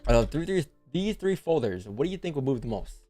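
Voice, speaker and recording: A man's voice: mid-range voice, big pitch swings, a little fast, warm tone. A man talks casually as a livestream host, repeating his points and asking rhetorical questions. He has a speech impediment on his R sounds. Music plays behind his voice. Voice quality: speech impediment, unable to pronounce R's properly. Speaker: live trading stream host. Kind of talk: livestream commentary and casual chat.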